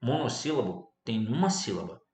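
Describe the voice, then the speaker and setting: A man with a Brazilian Portuguese accent teaches grammar to students online. He talks with energy and pushes words out loudly to show the strong syllable. The sound has a roomy echo. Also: mid-range voice, sing-song, moderate pace.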